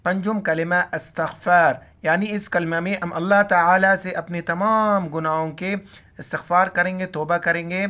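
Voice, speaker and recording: Male Quran teacher, high and smooth voice, slow chanted recitation set against brisk explaining. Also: fairly even intonation, sharp tone. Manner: drawn-out chanted recitation between quick explanations; spells out letters and vowel marks syllable by syllable. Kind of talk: pronunciation lesson with recitation.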